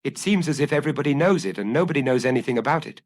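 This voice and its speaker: A man's voice: on the high side, animated, very fast, voice pushed up, close to an everyday voice. A man voicing an earnest, grave theatre man who talks anxiously.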